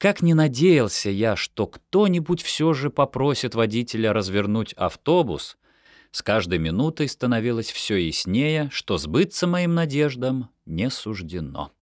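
A man reading an audiobook in first-person narration, expressive and animated. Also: mid-range voice, unhurried, dry recording, clean studio sound.

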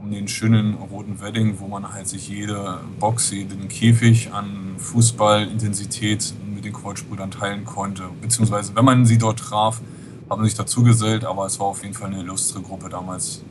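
A man's voice: on the low side, little pitch movement, moderate pace. A man, a podcast guest talking casually and rambling with many fillers over a Skype call. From West Berlin. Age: 40s. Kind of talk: casual interview. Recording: noisy Skype line.

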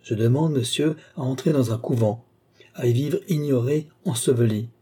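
A man's voice: mid-range voice, moderate pace, dark tone, breathy edge, lightly acted. A man reading the part of a proud, vengeful young woman in an audiobook, earnest and firm.

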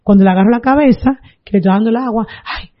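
A woman with a fairly high voice speaks very fast, sharing her religious testimony with earnest storytelling and occasional preaching asides. The recording is dull and lo-fi.

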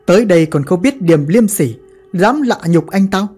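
A woman voicing an angry male gang follower shouting curses at intruders. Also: lowish voice, lively intonation, slightly rough, soft background music. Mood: furious. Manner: cursing, fast.

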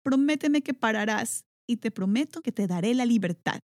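A cranky, bossy village mayor from a children's tale, as a woman reading aloud plays him. He scolds and blusters with a voice that swings widely in pitch. The recording is close and dry. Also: big pitch swings, a little slow, warm tone, dry recording. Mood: pleading. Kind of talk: storybook character voice.

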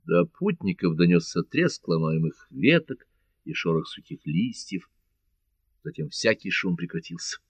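Low-voiced man narrating an adventure. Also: very animated, creaky, no echo. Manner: measured, dramatic. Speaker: audiobook narrator.

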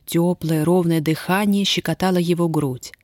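A woman narrating a novel in a calm, measured storytelling voice. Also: on the low side, no echo, studio quality. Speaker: audiobook narrator. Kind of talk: scripted narration.

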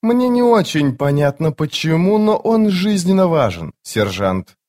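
A man reading an audiobook, voicing a calm, self-assured young woman in a raised voice. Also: on the high side, measured pace, voice pushed up. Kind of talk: audiobook character voice.

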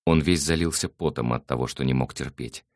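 A man narrating an audiobook in a steady, even reading voice. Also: a bass voice, fairly quick, dry recording, clean studio sound.

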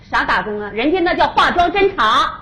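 A woman's voice: high-pitched, lively intonation, a little fast, sharp tone. A woman playing a bustling, hospitable wife who keeps the peace in a stage comedy sketch. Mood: coaxing. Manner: bustling, coaxing.

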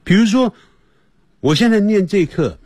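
A man teaching English on a radio lesson, explaining patiently and repeating words slowly for pronunciation. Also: sits high, expressive, darkish tone, breathy edge, dry recording.

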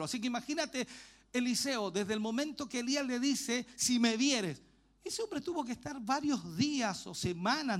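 High, bright Chilean pastor preaching. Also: male voice. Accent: Chilean Spanish. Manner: animated storytelling, acting out quoted voices. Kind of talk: sermon.

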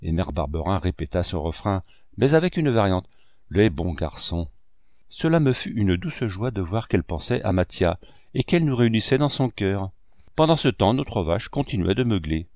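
A man reading a classic novel aloud with animated storytelling. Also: lowish voice, moderate pace, no echo, studio quality. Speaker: audiobook reader.

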